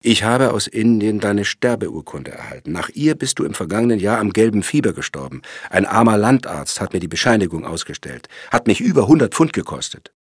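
An agitated male lawyer who snaps sharply and raises his voice, put on by a male narrator. The voice is low and husky. The recording is dry and close. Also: brisk, a bit bright, no room sound. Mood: indignant. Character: stern, agitated male lawyer, the older-seeming twin.

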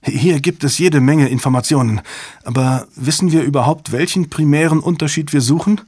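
A man voicing an excited young female code analyst in an audiobook reading, quick to chime in. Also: on the high side, slightly rough, dry recording, voice pushed up. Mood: eager.

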